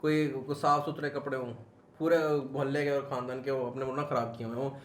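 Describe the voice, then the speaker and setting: A man's voice: mid-range voice, little pitch movement, quick pace. A man on a podcast panel, chatting casually, explaining things and teasing the others. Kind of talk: casual chat. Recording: echoey room with faint noise.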